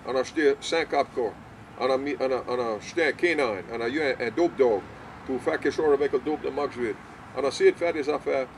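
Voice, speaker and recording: An older man from Louisiana with a Cajun French accent, chatting in a halting, repetitive way and mixing in English words. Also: mid-range voice, a little hiss or hum. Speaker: small-town mayor being interviewed. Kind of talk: casual conversational interview.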